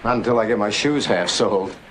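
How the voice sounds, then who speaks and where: A man's voice: on the low side, a little fast, noisy background, natural voice. An actor playing a weary male burlesque comedian who talks in dry, self-mocking wisecracks, in 1950s film dialogue. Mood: wry. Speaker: burlesque comic. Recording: 1950s film soundtrack with music.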